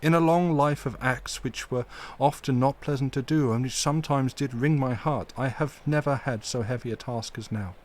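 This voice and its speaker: A grave elderly professor speaks in slow, formal, halting phrases, stern and tender at once, as a male reader puts him on. The voice sits higher and louder than the reader's own. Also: animated, lightly acted. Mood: solemn.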